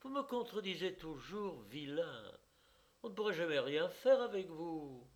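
A man's voice: fairly high pitch, sing-song, voice pushed up. A man putting on a petulant young beauty. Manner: capricious, quick to take offence. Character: young pretty woman, flighty and petulant. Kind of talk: audiobook character voice.

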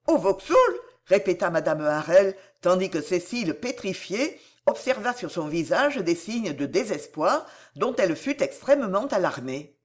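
A woman narrating a classic novel in a measured, expressive literary reading. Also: on the low side. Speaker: audiobook narrator.

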